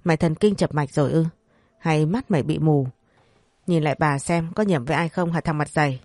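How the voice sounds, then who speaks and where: Old nursemaid , done by a woman reader: cursing servant woman, low dark voice. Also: a little fast, no room sound, studio quality. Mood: furious scolding. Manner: shrill cursing scold, then pleading. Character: old female servant nursemaid, scheming then tearful.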